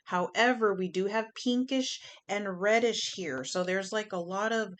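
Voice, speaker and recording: A woman's voice: mid-range voice, unhurried, a bit bright. A woman giving a chatty pick-a-pile tarot reading, emphatic and fond of repeating her phrases. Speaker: tarot reader.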